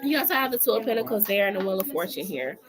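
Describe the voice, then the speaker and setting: A woman's voice: medium pitch, lively intonation, rapid-fire, poor audio. A woman giving a live-streamed tarot reading, chatty and familiar, calling the viewer girl and honey. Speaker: tarot reader.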